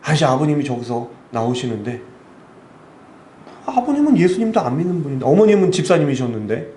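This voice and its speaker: A man in his fifties, a missionary preacher, delivering an emotional sermon that swings between loud appeals and hushed storytelling. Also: fairly high pitch, very animated, a little fast. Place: church sanctuary. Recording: echoey church hall with faint ambient noise.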